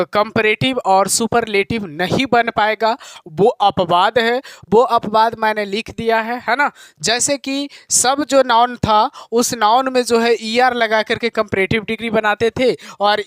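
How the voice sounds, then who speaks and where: A male teacher giving a grammar lesson, explaining slowly and repeating key points to his students. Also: very high voice, a bit bright, clean tone, no echo. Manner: calls students "my dear children".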